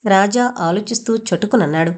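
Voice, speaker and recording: Woman, audio novel narrator, mid-pitched, steady storytelling read. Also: moderate pace. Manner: reads every character herself with small voice shifts.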